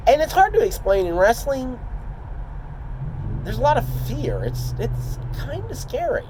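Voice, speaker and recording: A man talking casually and confidingly, as in a vlog, in a halting, rambling, reflective way. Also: very high voice, sing-song, noisy background. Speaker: trainee wrestler.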